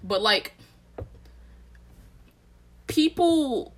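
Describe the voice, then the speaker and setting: A young woman from Texas with a Southern American accent, co-hosting a casual podcast chat and getting animated. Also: drawn-out words. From Texas, USA. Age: young adult. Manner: animated, swings up high when riled. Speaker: podcast co-host.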